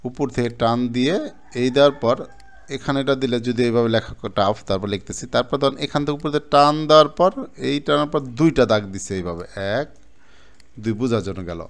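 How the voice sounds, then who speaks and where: A male language teacher from Bangladesh explaining kanji in a casual classroom style, repeating terms and pointing things out as he goes. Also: mid-range voice. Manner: repetitive explaining, points at the board, mixes in English terms. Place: training center classroom.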